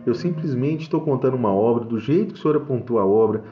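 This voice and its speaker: A man's voice: mid-range voice, animated, fast talker. A man with a Brazilian Portuguese accent giving a fervent church testimony, telling a story and breaking into praise. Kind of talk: emotional religious testimony. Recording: echoey, slightly dull recording with faint music.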